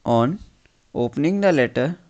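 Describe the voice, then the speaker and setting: A man giving an English dictation as a teacher, reading deliberately phrase by phrase and repeating phrases. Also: on the high side, animated, a little mellow, highs cut off.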